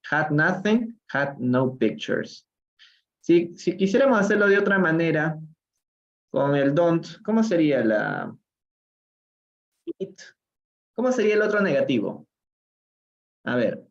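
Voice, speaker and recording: A man's voice: on the high side, big pitch swings, lo-fi sound. A man with a Peruvian Spanish accent teaching an English reading lesson on a live stream, drawing out phrases and calling on viewers by name. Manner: slow, drawn-out model readings of English phrases; addresses chat viewers by name, asks questions. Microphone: live stream phone or computer mic.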